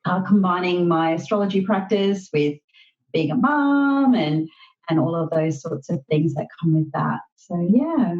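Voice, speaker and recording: A woman's voice: lowish voice, animated, a little slow, darkish tone, muffled recording. A woman with an Australian accent chatting casually and modestly as an interview guest. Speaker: podcast guest, astrologer.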